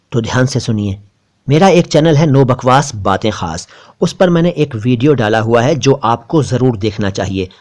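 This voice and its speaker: A man's voice: mid-range voice, a little mellow. A man from India, hosting a vocabulary lesson and carefully repeating each word for pronunciation. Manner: recites couplets slowly and repeats words for pronunciation. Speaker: language teacher and channel host.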